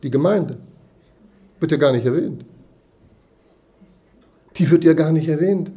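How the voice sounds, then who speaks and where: A man preaching a sermon in a conversational way, often tagging lines with quick "ja?" asides and swelling then dropping his voice for emphasis. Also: on the high side, mellow.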